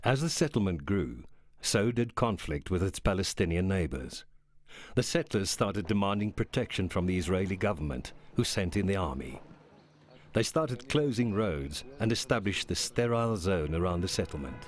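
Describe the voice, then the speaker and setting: A man narrating a documentary in a measured, scripted way. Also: deep voice, expressive.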